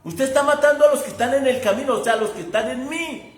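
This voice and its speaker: A man preaching, voicing a stern, commanding male divine voice with booming authority. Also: fast talker. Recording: echoey room.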